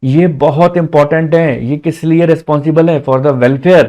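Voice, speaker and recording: A man's voice: on the high side, fairly even intonation, measured pace, warm tone. A man teaching a casual exam revision lesson, chatty, asking questions and answering them himself. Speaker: commerce teacher. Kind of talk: casual Hindi-English exam revision lecture. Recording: slightly dull lo-fi sound.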